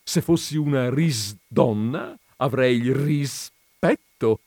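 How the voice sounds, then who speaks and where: A jovial gentleman who delights in his own wordplay, his voice lively and leaping upward, as a man reading a story puts him on. The sound is close and dry. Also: medium pitch, a little slow, no room sound, voice pushed up. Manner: jovial, cheerfully pleased with own puns. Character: jovial punning male gentleman.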